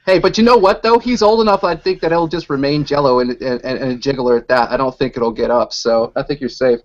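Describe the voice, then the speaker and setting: A man with a mid-range voice talks a little fast as he co-hosts a radio show, trading casual jokes over an online call. The audio has the dull, lo-fi quality of an internet call.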